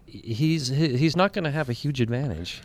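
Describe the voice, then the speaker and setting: A man co-hosting a radio show in a studio, explaining his thinking in a measured, analytical way. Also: medium pitch. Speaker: radio co-host. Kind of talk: casual radio chat.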